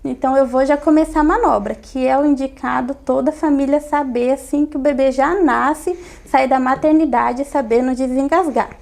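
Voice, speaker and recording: A woman pediatrician calmly explaining step by step in an interview, repeating key points. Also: high voice, moderate pace, creaky, few pauses. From Brazil.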